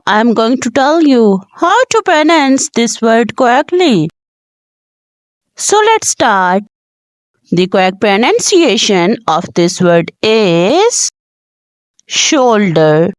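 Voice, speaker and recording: A woman leads a short pronunciation lesson, saying one word over and over with careful, deliberate repetition. She speaks extremely slowly, and her fairly high voice rises and falls in a lively way. The sound is dry and close, with no room echo. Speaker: pronunciation teacher.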